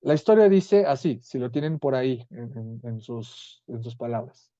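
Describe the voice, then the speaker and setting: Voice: mid-range voice, animated, moderate pace, mellow, no room sound, dull audio. A Bible study teacher with a Mexican accent, reading scripture aloud and explaining it in an earnest way, with small restarts.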